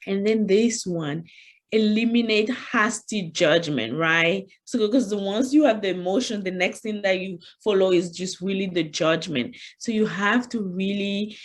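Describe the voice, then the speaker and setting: A woman with a French accent runs an interactive online leadership workshop, standing at her computer during a video call. She speaks conversationally and a little slowly in a mid-range voice, frequently saying "you know."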